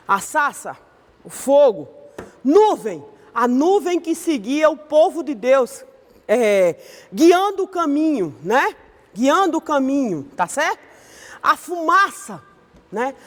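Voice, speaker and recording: A woman's voice: high voice, in a large hall. A woman with a Brazilian accent teaching an online Sunday school Bible lesson in a conversational way, often ending her sentences with a questioning tag. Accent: Brazilian Portuguese.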